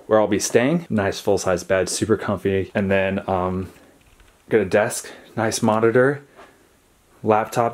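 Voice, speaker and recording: An American man in his twenties, a soccer player, excitedly vlogging in a rambling casual way on a handheld camera. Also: fairly low pitch. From USA. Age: 20s. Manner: excited, rambling, restarts sentences. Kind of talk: casual vlog narration. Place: indoors at home and outdoors in the city. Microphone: handheld action camera.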